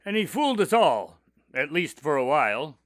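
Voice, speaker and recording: A man plays a detective's doctor companion in a radio drama. He recounts cases conversationally, with varied intonation and a slightly high pitch. The recording is dry. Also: big pitch swings, moderate pace, fairly bright tone, dry recording.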